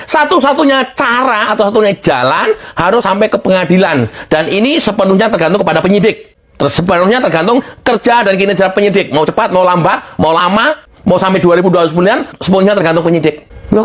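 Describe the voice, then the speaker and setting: A woman giving heated political commentary, indignant and mocking, laughing scornfully and repeatedly calling out the person she criticises. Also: mid-range voice. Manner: indignant, mocking, repeatedly addressing her target; laughs scornfully between remarks.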